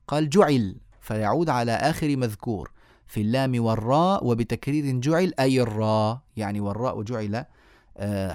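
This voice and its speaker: A man's voice: medium pitch, darkish tone, no room sound, studio quality. A man teaching a tajweed lecture online, explaining the rules of pronunciation step by step and sounding out the letters as he goes. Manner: explanatory, repeats key words, demonstrates sounds aloud. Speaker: Quran recitation teacher.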